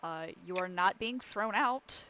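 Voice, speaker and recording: Female game master, mid-pitched, informal and descriptive, improvising scenes on a dull mic with audible hiss. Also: measured pace, sharp tone. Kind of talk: improvised tabletop game narration.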